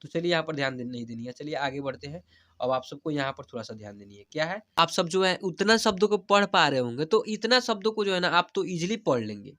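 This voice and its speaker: A man leads a reading lesson, drawing out every syllable slowly before he says the whole word firmly. His voice sits a little high and rings bright and forward. He keeps checking that his listeners are following. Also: expressive. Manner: slow drawn-out spelling of each syllable, then the full word said firmly; coaxing, checks in with "theek hai?". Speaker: Hindi reading teacher. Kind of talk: spoken lesson, spelling words syllable by syllable.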